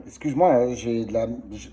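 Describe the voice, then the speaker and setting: A singing teacher with a warm, mid-range voice gives a patient one-on-one lesson, coaching and demonstrating vowels while coughing through a sore throat.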